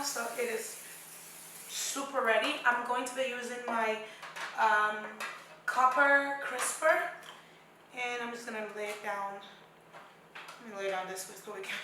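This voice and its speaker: A woman's voice: on the high side, noisy background. A young woman from Nigeria hosting a casual cooking tutorial in her home kitchen, playful and brash, her voice partly gone. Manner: playful, brash, swears jokingly. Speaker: cooking vlogger. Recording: very echoey kitchen.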